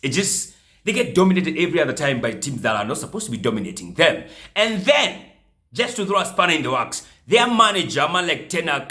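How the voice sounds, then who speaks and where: A man hosting a casual football recap show, talking in an animated, mocking way and slipping in Swahili slang. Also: on the high side. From Kenya. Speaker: football podcast host. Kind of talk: casual solo commentary.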